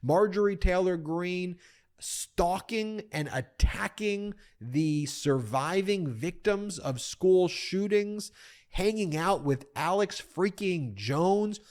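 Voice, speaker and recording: A man's voice: high voice, slow, darkish tone. Indignant man hosting political commentary. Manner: indignant, repeats himself, addresses "folks".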